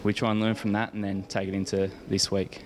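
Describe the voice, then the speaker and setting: Here a young adult man with an Australian accent answers interview questions as an Aussie rules player, sounding casual, hesitant and inclined to ramble. His pitch is lowish and steady, he talks briskly, and there's noise behind him.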